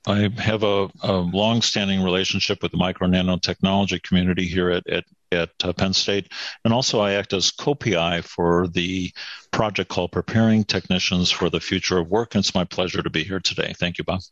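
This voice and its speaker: A middle-aged man introduces himself on a webinar in a polite, formal tone. His voice is very deep. The audio is dry and muffled, with no room sound. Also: steady tone, brisk, fairly bright tone, no room sound. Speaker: project co-host.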